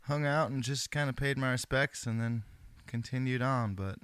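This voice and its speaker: A man with a smooth, resonant voice, recorded dry and close. He talks in a laid-back, earnest way, full of slang and the odd curse, as he hosts a relaxed chat. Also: mid-range voice, normal speed, no echo. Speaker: host. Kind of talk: casual phone chat.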